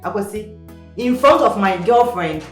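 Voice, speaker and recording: An actress playing a young fiancée who pleads and defends herself in an exasperated way. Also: female voice, mid-range voice, lively intonation, a little slow, close to an everyday voice. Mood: defensive. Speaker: accused fiancée. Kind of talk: Ghanaian film acting. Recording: echoey room with faint music score.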